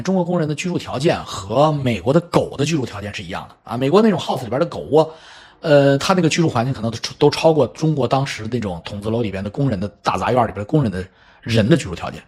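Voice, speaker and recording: A middle-aged man from China telling a true story in an animated, chatty way, with spoken asides. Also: mid-range voice, slightly rough. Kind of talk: casual storytelling commentary.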